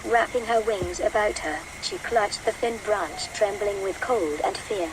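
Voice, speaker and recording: A woman's voice: medium pitch, measured pace. A woman narrating a scripted children's story in a dramatic storytelling manner, with noise in the recording. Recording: clear background noise.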